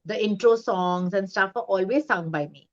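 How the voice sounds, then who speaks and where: Guest, an animated storyteller, recorded on a dull lo-fi line. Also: female voice, medium pitch, moderate pace. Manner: lively storyteller who acts out voices in anecdotes. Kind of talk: casual interview chat. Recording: dull lo-fi sound.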